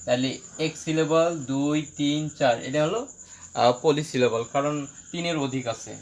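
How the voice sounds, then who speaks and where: Slow, repetitive teacher. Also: mid-range voice, poor audio. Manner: repeats each phrase slowly, breaks words into parts. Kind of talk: online lesson, slow spelling-out.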